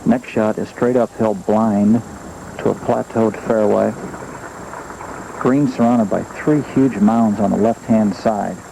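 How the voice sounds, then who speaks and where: A man with a low, creaky voice gives live golf commentary. It sounds like an old outdoor TV broadcast with clear noise behind him. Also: fairly even intonation, slow pace. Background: outdoor ambient noise.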